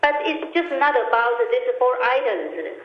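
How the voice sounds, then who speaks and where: A woman research analyst calling in to a radio interview on a speakerphone, speaking in a measured, halting way with frequent fillers. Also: high-pitched, expressive. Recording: echoey, muffled speakerphone line.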